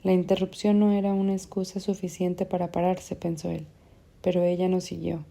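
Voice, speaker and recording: A woman reading literary fiction aloud as an audiobook narrator, in a measured, even way. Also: fairly low pitch, vocal fry.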